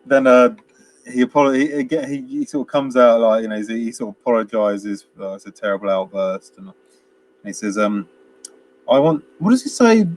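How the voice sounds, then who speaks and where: A man's voice: mid-range voice, expressive, moderate pace. Rambling man chatting about a film. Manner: rambling, many fillers and restarts, acts out quotes. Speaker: film review co-host. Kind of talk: casual chat.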